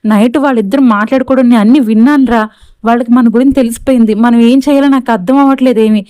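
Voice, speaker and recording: A woman's voice: fairly high pitch, fairly even intonation, rapid-fire, dark tone, no room sound, clean studio sound, lightly acted. A woman voicing a jealous, lovesick young woman who is vengeful, talking in a whiny, indignant way.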